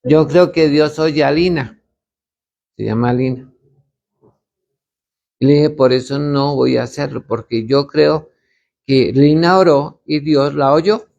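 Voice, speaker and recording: A man's voice: a little high, slow pace, pauses often, darkish tone, highs cut off. A man, a pastor, teaching other pastors in a conversational way and retelling stories with quoted dialogue. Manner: gravelly, anecdotal, retells dialogue.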